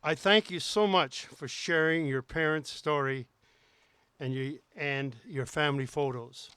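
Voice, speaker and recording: Man, sculptor, heartfelt ceremonial speech, smooth resonant voice, fairly high pitch, dry close sound. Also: a little slow, bright, forceful tone, no room sound. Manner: earnest, heartfelt. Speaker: sculptor giving a dedication speech.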